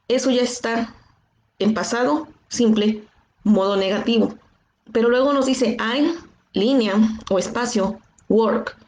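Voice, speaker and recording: A woman's voice: a little high, a little mellow, echoey room, highs cut off. A woman with a Mexican Spanish accent, an English teacher patiently explaining grammar in an online class and often checking with "¿sí?". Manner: patient, checks understanding with frequent "¿sí?".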